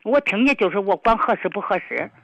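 A woman's voice: medium pitch, lively intonation, a little fast, no room sound, lo-fi sound. An older woman phones in to a radio advice show. She stammers, restarts and circles around her point, sounding hesitant and evasive. The recording is dry and close. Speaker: caller. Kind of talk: call-in radio conversation.

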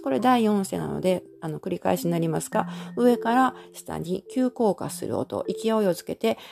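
A woman teaching in an audio lesson, explaining patiently step by step and filling pauses with many soft hesitations. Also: mid-range voice, vocal fry. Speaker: Chinese language teacher.

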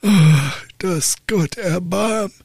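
A man voicing an old count, an angry father who scolds his son in a high, strained voice. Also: extremely slow, vocal fry, husky, no room sound, clean studio sound, full character voice. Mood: furious. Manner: shouting in high strained outrage.

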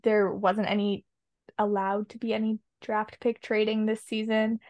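A woman's voice: mid-range voice, flat delivery, a little slow, darkish tone, dry recording. A woman chatting casually on a podcast, opinionated and rambling with lots of ums. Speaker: podcast co-host. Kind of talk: casual chat.

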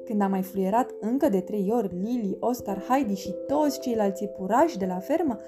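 A woman reading a children's storybook aloud in a lively, expressive way. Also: medium pitch. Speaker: narrator. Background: background music.

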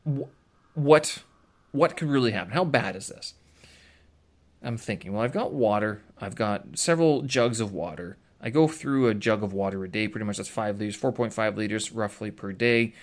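A man's voice: on the low side, normal speed. A man vlogging, casually recounting an everyday story in a rambling, self-interrupting way with chuckling asides.

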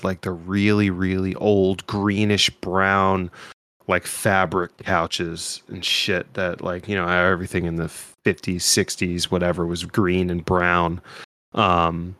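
A deep-voiced man chatting on a podcast in a laid-back, teasing way, swearing casually. The recording is dry and close. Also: a bit bright, no room sound. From New Jersey. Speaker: podcast co-host. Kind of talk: casual chat.

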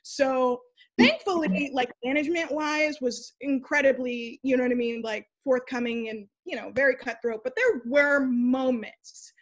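A woman's voice: high voice, normal speed. Blunt young woman telling a story. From United States. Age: young adult. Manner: blunt and animated, swears freely, acts out quoted dialogue. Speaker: interview guest. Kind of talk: candid conversational storytelling.

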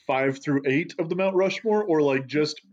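A man's voice: a little high, normal speed, darkish tone. A man co-hosting a casual podcast, talkative and telling long anecdotes. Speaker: podcast co-host. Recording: slightly dull audio.

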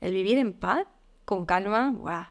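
A woman, a podcast guest talking openly and reflectively, with frequent fillers and soft laughs. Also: mid-range voice, expressive, unhurried. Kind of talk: candid conversational interview.

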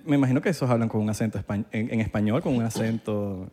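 A man's voice: fairly low pitch, quick pace, mellow, a little hiss or hum. A Venezuelan man hosting a casual chat, joking around and mimicking other accents. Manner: playful, jokes and mimics accents.

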